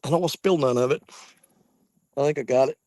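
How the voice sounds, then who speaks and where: A man's voice: medium pitch, fast, dark tone, no room sound, clean studio sound. A man with a Southern US accent and a folksy drawl, chatting casually while out fishing. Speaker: fishing vlogger. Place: outdoors on a small fishing boat.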